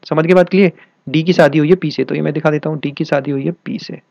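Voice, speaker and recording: Young man, Hindi teacher, slightly high voice, repeats each step, dry close sound. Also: steady tone, fast, creaky, dry recording, highs cut off. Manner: repetitive, checks often if students follow. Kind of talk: explaining a reasoning problem step by step.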